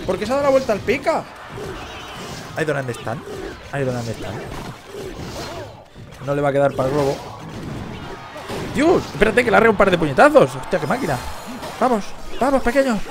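A young man from commentates gameplay in a fairly high voice. He swings from loud cheering and yelling at the screen to quiet muttered asides. Game music plays clearly under his voice. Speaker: gaming youtuber. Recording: game music playing behind the voice.

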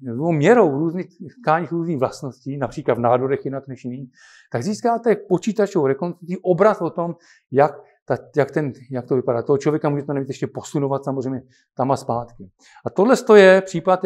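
An older man giving an informal physics lecture in a halting, conversational way, with frequent restarts. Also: fairly high pitch, darkish tone.

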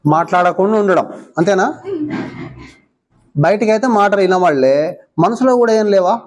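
A woman's voice: mid-range voice, lively intonation, moderate pace, a little mellow. A woman with a Telangana Telugu accent teaching young schoolchildren in a classroom, coaxing them with many short questions. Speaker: visiting mindfulness teacher.

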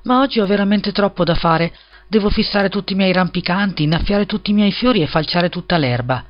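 A man's voice: sits high, fairly quick, voice pushed up, lightly acted. A man reading a storybook and voicing a little, humble, eager-to-please peasant gardener in a meek voice. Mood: supplichevole. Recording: slightly dull lo-fi recording.

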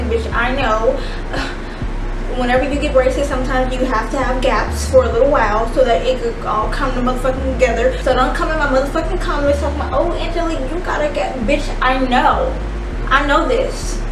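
Young woman with muffled, gauze-mouthed speech. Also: high-pitched. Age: young adult. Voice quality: muffled, slurred speech as if mouth stuffed with gauze, from new braces. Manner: sassy, animated. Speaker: YouTube advice host. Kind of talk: casual, profane slangy chat to camera. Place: indoor studio with plain backdrop. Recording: roomy, distant mic with clear noise.

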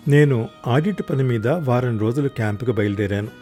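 A man narrating a first-person audio story, raising his voice loudly in the angry husband's lines. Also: medium pitch, fairly quick, music in the background.

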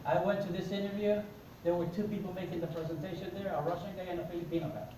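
Racing along in a high voice, a middle-aged Mexican-accented motivational speaker, first language Spanish, tells his personal story to an audience in a conference room. He acts out the dialogue animatedly; a distant audience camera records the echoey space, with a crowd audible behind him.

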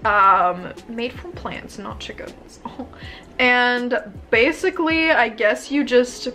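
A vlogger in her twenties talks casually to camera in her bedroom for a haul video, gushing and bubbly with plenty of "like" and "um". Her fairly high voice has a sharp tone, she takes it slowly, and faint music plays behind.

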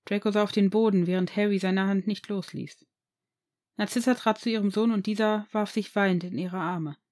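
A woman narrating a fan-fiction audiobook in an even, unhurried reading voice. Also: medium pitch. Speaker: reader.

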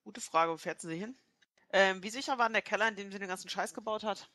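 A woman's voice: mid-range voice, quick pace, fairly bright tone, a little hiss or hum. A woman playing a tabletop role-playing game, hesitant with many fillers and casual swearing. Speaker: player.

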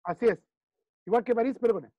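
A man's voice: very high voice, fast talker, dry recording, dull audio. A man with a Chilean accent coaching a client one-on-one, emphatic and repeating key phrases while he checks in. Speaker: business consultant.

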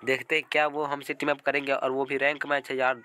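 A man giving casual, excited commentary over his mobile gameplay, often repeating his calls to teammates. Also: mid-range voice, quick pace, slight background noise. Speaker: gaming YouTuber. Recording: game music loud behind voice. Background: loud game music.

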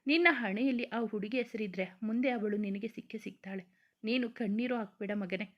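A woman's voice: mid-range voice, normal speed, lightly acted. A woman voicing a loving mother who soothes and pleads with her grieving son in a storybook reading. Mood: tender. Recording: dull lo-fi recording.

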